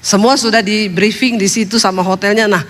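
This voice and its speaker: A woman's voice: mid-range voice, steady tone, brisk, a bit bright. A woman pastor telling stories in a sermon, chatty and humorous, laughing at her own jokes. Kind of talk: storytelling sermon. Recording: long hall reverb.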